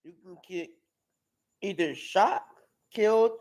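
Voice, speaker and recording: A young man in his twenties speaks in a high voice, slowly and haltingly, often repeating and restarting his words. He delivers a personal testimony at a live-streamed outreach. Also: a little mellow, rough recording. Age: 20s.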